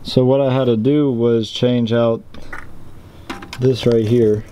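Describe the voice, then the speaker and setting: A man's voice: mid-range voice, fairly even intonation, slow pace, dark tone. A man in his twenties talking casually to a handheld camera, loose and rambling with fillers. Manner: chatty, loose, trailing off with fillers. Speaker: vlogger. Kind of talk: casual vlog talk to camera. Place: outdoors and in a workshop, on the road. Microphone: handheld camera at arm's length. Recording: noisy outdoor camera audio.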